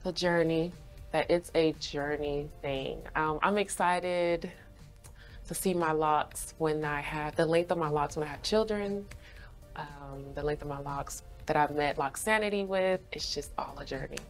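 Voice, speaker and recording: A woman's voice: sits low, a little slow, soft background music. A young woman from Haiti who grew up in Florida, answering interview questions in a bubbly way and laughing often, seated in an indoor studio. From Haiti, raised in Florida. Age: young adult. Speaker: guest, brand ambassador.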